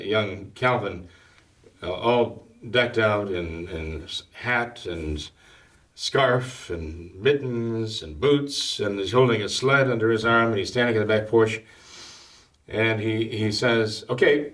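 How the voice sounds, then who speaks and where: A priest with a fairly low voice talks through his views slowly and hesitantly, stopping often to restart his sentences. He sits a little back from the mic, so his voice sounds somewhat distant. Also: fairly bright tone. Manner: measured, hesitant, full of fillers and restarts. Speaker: priest and guest. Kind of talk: casual talk-show discussion.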